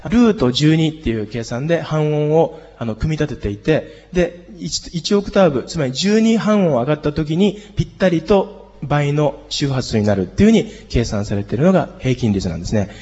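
A hoarse man teaching a group singing lesson, explaining harmony and leading the class in exercises. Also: a little high, lively intonation, brisk, hardly any pauses, dark tone, long reverb tail, dull audio. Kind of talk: music lesson.

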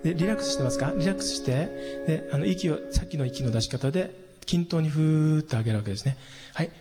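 Calm male voice teacher, reverberant hall. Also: fairly high pitch, fast talker, over loud music. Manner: calm, patient explaining with hummed demonstrations. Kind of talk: singing lesson.

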